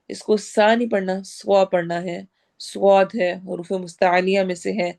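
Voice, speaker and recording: A woman's voice: medium pitch, darkish tone. A woman teaching recitation in an online class, in a firm, corrective teacher's tone. She breaks each phrase into syllables and explains every rule in turn, carefully and methodically.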